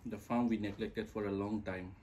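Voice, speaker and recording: A man chats at the dinner table in a relaxed, teasing way, questioning his wife between bites. His voice is mellow and dark. A faint household noise hangs behind him. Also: on the low side, moderate pace. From Manipur, India. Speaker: vlogger and husband. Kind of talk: casual chat over a meal. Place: home kitchen or dining table.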